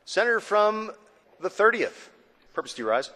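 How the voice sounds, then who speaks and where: Bright-voiced man presiding over a senate. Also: sits high, very animated. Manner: brisk, formal parliamentary phrasing. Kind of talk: formal floor procedure. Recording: reverberant legislative chamber.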